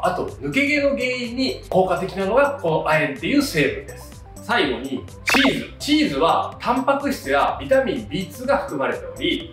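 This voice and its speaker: Man in his thirties, hairdresser explainer, high animated voice, roomy sound from a distance. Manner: explanatory, frequent fillers, rising lively delivery. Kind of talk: explainer video to camera. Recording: roomy, slightly distant with soft music.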